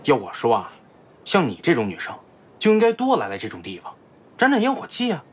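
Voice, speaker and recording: A man's voice: medium pitch, huge pitch swings, brisk, breathy edge. An actor in his thirties playing a cheeky, persistent young man in a screen drama, talking in a playful, exaggerated, wheedling way. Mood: casual, attentive. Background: background music.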